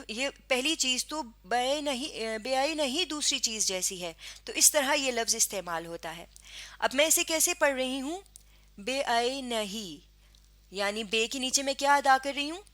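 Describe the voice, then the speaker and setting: Pakistani urdu teacher lady, bright voice kinda high, slow careful spelling out. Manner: patient, spells out sounds slowly and repeats words. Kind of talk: classroom lesson explaining pronunciation.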